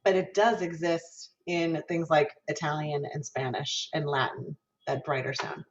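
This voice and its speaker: A woman's voice: deep voice, steady tone, unhurried. Woman lecturing over dull call audio. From Minnesota, US. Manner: explanatory, demonstrates vowel sounds aloud. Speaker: guest lecturer, music professor. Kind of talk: online diction lecture. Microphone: video call.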